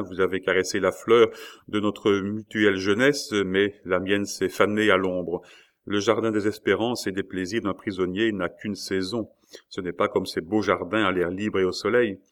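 A lovesick young prisoner pours out poetic, impassioned speeches, voiced by a man reading aloud. The voice is low and stays close to the reader's own. The delivery is lyrical and earnest. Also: steady tone, moderate pace, natural voice. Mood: melancholy. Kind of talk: audiobook reading.

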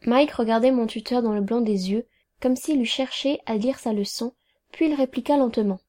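A woman reading a novel aloud in a calm, even, quietly measured narration. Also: fairly high pitch. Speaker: audiobook reader.

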